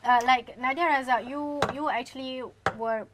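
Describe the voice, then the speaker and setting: Young girl cohosting, highish voice, lots of um and restarts. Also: fairly even intonation, normal speed, noisy background. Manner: hesitant, many fillers and restarts. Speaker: co-host. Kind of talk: casual chat show hosting.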